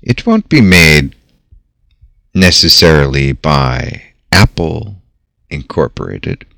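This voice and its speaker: A man narrating a guided visualization in a measured, theatrical manner with long dramatic pauses. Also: extremely low pitch, big pitch swings, gravelly, no room sound, clean studio sound. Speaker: host. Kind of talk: slow guided visualization narration over music. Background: soft background music.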